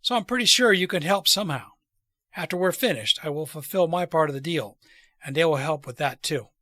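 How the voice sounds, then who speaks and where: An earnest male revolutionary read by a man lays things out deliberately. The voice is bright and a little high for a man. It is a storybook character, recorded very dry. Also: dry recording. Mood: persuasive. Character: earnest male revolutionary plotter persuading wary allies.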